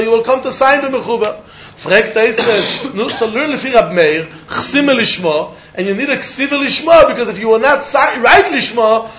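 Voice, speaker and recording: A man with a strikingly high voice and a Yiddish accent gives a Talmud lesson. He poses questions and answers them in a sing-song way, recorded in a room with clear echo. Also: a bit bright, highs cut off. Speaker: Talmud teacher. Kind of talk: religious text lesson. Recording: echoey room.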